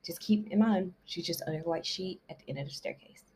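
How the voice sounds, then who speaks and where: Over heavy background noise, a book summary vlogger with a lowish voice speaks at a quick pace. She casually recaps a novel's plot, rambling with constant fillers like "like" and "you know."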